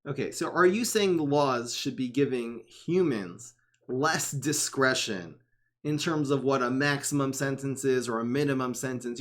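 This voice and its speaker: Man from Minneapolis hosting a debate. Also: mid-range voice. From Minneapolis, USA. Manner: questioning, paraphrases the other side. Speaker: podcast host. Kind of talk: casual debate.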